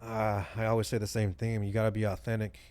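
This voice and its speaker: A man's voice: on the low side, monotone, fast talker, a little mellow. A man guest on a chat show, telling stories in a laid-back, slang-heavy way and laughing along. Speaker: guest rapper. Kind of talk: casual storytelling chat.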